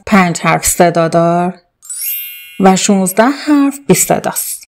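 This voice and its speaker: Woman language teacher, careful letter-by-letter reading, brisk explanations. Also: mid-range voice. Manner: clear, slow letter-by-letter pronunciation then quick explanation. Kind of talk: alphabet lesson, reading letters and examples.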